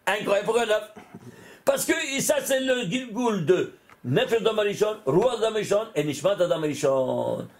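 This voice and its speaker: A man, a rabbi, giving an animated Torah lesson, often exclaiming and putting questions to his listeners. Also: sits high, normal speed, creaky.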